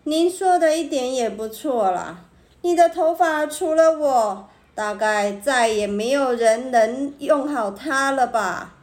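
A woman's voice: sits high, animated, takes it slowly, a little mellow. A woman voicing an arrogant, boastful young male barber with a scornful, smug way of talking, in a storybook reading.

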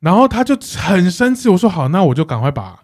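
A man, co-hosting a casual chat and telling a story in an animated way, laughing often. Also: high voice, quick pace. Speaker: podcast co-host.

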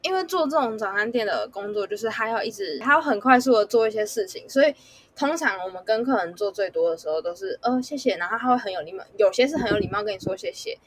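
A woman's voice: mid-range voice, fast talker, a little hiss or hum. A young woman student, telling a work story casually and animatedly. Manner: animated storyteller, acts out customers' voices. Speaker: guest, student.

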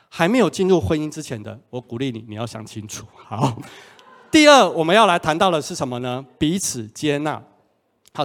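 A male pastor preaching a sermon in a conversational way, often asking the congregation questions. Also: medium pitch. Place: church hall. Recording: long hall reverb.

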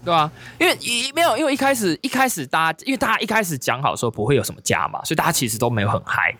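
A man's voice: fairly high pitch, big pitch swings, very fast, pushed and bright, no room sound. A man telling a story in casual chat, acting out quotes in a raised voice. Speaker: storyteller recounting hosting a company party.

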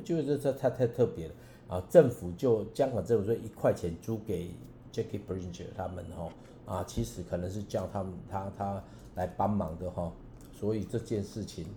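A man with a low, deeply dark and mellow voice shares his testimony as a preaching guest on radio. He speaks haltingly but earnestly, often starting phrases over and pushing up in pitch for emphasis, with roomy echo and a little hiss or hum.

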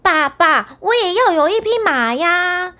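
Woman playing a loud, giddy young fool. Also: high-pitched, animated, exaggerated voice. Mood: gleeful, loud. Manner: shouting gleefully, drawn-out calls. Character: foolish cheerful young man, loud and carefree.

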